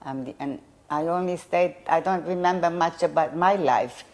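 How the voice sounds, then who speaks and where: Her pitch fairly low and her tone darkish, an older Polish woman speaks at a moderate pace about her childhood in an oral history interview. German was her first language, and she hesitates, hunting for words and restarting.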